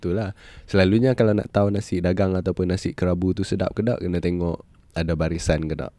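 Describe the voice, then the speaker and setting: Malaysian male, low and mellow, casual anecdote-teller who code-switches between English and Malay. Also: fairly even intonation, racing, no room sound. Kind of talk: casual chat, telling anecdotes.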